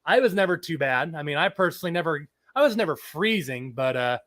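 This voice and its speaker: An animated, brisk man with a fairly high, slightly bright voice hosts a laid-back live chat stream. A cold that's hanging on makes him a little scratchy as he rambles along and reads the chat aloud.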